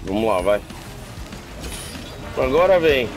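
Homem com sotaque brasileiro reclamando em voz alta enquanto joga, entonação muito expressiva e ritmo pausado. Gritos de desespero surgem a cada morte. Por trás, a trilha do game soa suave. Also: male voice, mid-range voice, sing-song. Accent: Brazilian Portuguese. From Brazil. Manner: exasperated, swings into loud cries of despair. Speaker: gameplay streamer. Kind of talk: gameplay commentary in Portuguese and English. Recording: game music faintly behind.

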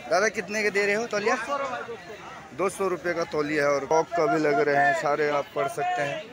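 Man vlogger, phone in hand, slightly high voice, touring a packed night market, loud crowd all around. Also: fairly even intonation, brisk. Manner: chatty, repetitive, hawks quality to viewers. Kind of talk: walking market tour vlog. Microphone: handheld phone.

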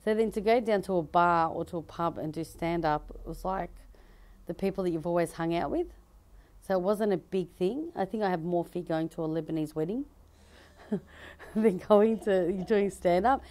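Speaking at a moderate pace in a lowish, slightly mellow voice, this Australian woman in her thirties answers an interviewer's questions inside a bridal dress shop. She's a comedian and fashion designer who laughs readily and often starts sentences over. The mic is handheld by the interviewer.

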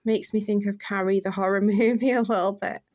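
A woman's voice: medium pitch, fairly even intonation, brisk, darkish tone. A woman, chatting enthusiastically to camera as she unboxes beauty gifts. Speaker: beauty vlogger. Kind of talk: casual unboxing chat to camera.

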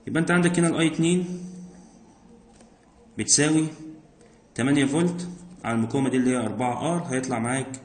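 A man with an Egyptian Arabic accent teaches physics by working through exam problems step by step, asking himself questions and then answering them. His mid-range voice moves very fast but breaks into long pauses. The room adds a noticeable echo.

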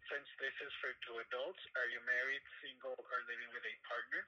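A man working as a telemarketer, delivering a formally polite scripted sales pitch over a muffled telephone line. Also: little pitch movement, fairly quick, sharp tone. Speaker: telemarketing caller.

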